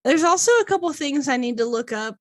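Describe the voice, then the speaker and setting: A woman's voice: high voice, expressive, fast talker, dry recording. A woman co-hosting a podcast in casual chat, rambling and laughing often. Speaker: podcast co-host.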